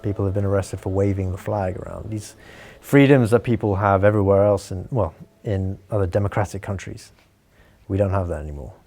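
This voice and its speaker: A man's voice: deep voice, fairly quick, warm tone. Man with a disguised voice, earnest. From Hong Kong. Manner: earnest, explanatory, with frequent restarts. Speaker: interviewee. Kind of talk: explaining, measured interview talk.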